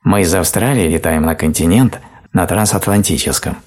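A man voicing a small cheerful frog who pretends to be a dog, answering in a lively, matter-of-fact, boastful way. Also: sits low, normal speed, voice pushed up.

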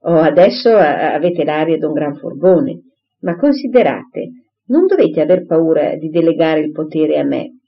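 A woman's voice: deep voice, animated, normal speed, husky, full character voice. A woman reading an audiobook, voicing a pompous, bossy married lady who gushes and insists, in a dull lo-fi recording. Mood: eager, pushy. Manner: gushing, insistent, talks over others.

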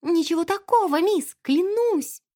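A woman reading an audiobook voices a timid teenage housemaid who squeaks and pleads, close to tears. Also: sing-song, slow pace, darkish tone, no room sound, exaggerated voice. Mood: frightened, tearful.

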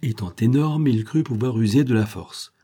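A man narrating an audiobook in a steady, measured storytelling manner. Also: mid-range voice, husky.

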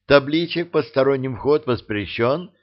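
Man doing a beaming smooth-talking haggler. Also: mid-range voice, animated, a little slow, dull audio, pitched above the performer's own voice, natural voice. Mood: persuasive. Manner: ingratiating, wheedling.

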